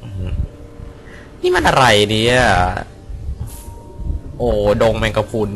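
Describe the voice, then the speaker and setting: A man giving casual let's-play commentary, excitable, swearing at enemies and talking to himself. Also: fairly low pitch, creaky. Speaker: gameplay commentator. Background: game music.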